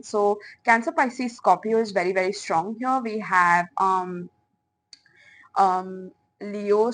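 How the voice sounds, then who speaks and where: A woman's voice: medium pitch, a little hiss or hum, low-quality recording. A woman doing a pick-a-card tarot reading, talking in a chatty, playful way with many fillers and speaking to her viewers as piles. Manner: chatty, playful, with frequent fillers and soft laughs. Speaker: tarot reader.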